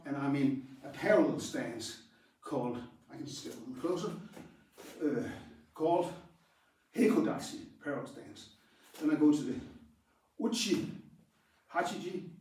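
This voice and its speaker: In a large, strongly echoing dojo, a karate instructor whose first language is Danish talks through stances in a simple, hesitant way, stopping between moves. His voice is fairly high and mellow, captured by a camera set well back as he moves.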